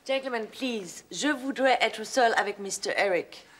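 A woman's voice: fairly high pitch, unhurried, noisy background, close to an everyday voice. Woman playing a haughty Scottish lady. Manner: broken French, stiff and haughty. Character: prim young Scottish noblewoman. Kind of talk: 1980s French sitcom acting.

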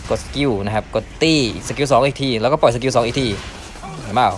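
A man's voice: medium pitch, fast talker, a little hiss or hum. A man casually explaining a mobile game move by move, chatty, calling out taps with sound words and swearing at his own slips. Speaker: game tutorial host. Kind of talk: casual gameplay tutorial. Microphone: phone mic.

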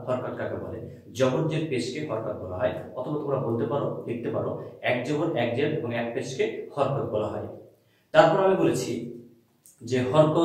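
A patient male teacher taking young pupils through a lesson, slowly spelling out each sound in turn. His voice sits at an ordinary middle pitch. It rings in a very echoey, reverberant room. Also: a little mellow. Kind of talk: classroom lesson for children.

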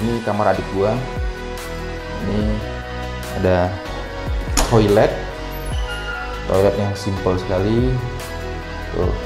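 A tired man chats with his viewers like friends in a casual room-tour vlog inside his bare, newly rented house. He speaks slowly in a fairly low, steady voice, pausing often, while the room echoes strongly and faint music plays.

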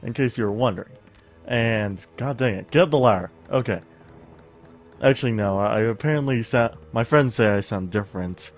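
Speaking at medium pitch and a moderate pace, a young man with a slightly stuffy voice provides casual gameplay commentary for a let's play. He rambles, gets sidetracked, hums a little and uses lots of fillers, recording at home on a studio mic over faint game music.

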